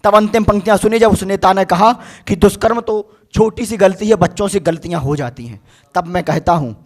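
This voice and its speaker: A man's voice: sits high, fairly quick. A young man reciting poetry on a university stage, impassioned and chanting his verses with rising force. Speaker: poet.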